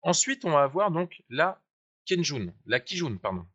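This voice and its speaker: A man's voice: on the high side, sing-song, normal speed, fairly bright tone. A man teaching a live webinar tutorial on trading charts, chatty and explanatory, asking viewers to click along. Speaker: trading software trainer. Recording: dull lo-fi sound.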